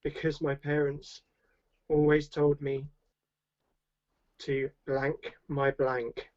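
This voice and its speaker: A man's voice: fairly high pitch, little pitch movement, slow, a little mellow, dull audio, a little hiss or hum. A man, a youth pastor, hosting a playful game show over a video call, teasing the others and handing out points. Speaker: youth pastor, stream host. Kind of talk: casual group chat, game hosting.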